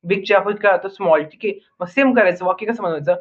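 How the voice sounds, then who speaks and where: High-voiced young male teacher drilling words. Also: quick pace. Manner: repetitive question-and-answer drilling; says "ठीक आहे" constantly. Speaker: English grammar teacher. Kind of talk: online lesson in Marathi. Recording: tinny phone-like audio.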